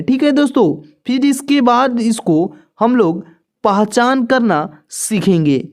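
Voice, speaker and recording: A woman's voice: fairly high pitch, a little mellow. A woman teaching a beginner reading lesson, patiently naming each letter and repeating it for her viewers.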